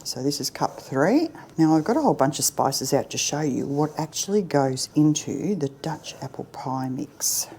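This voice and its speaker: A middle-aged woman chats her way through a casual baking tutorial in her home kitchen, self-deprecating and often dropping to a soft near-whisper. Her low voice is animated, at normal speed with hardly any pauses. A little hiss or hum is audible.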